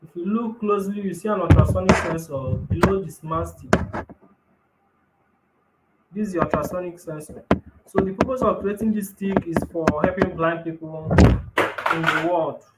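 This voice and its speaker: A man on a bad video-call connection that keeps cutting out, explaining his invention in an apologetic, halting way. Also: high-pitched, very noisy. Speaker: guest presenting an invention. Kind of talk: show-and-tell explanation on a call. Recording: echoey, choppy call audio.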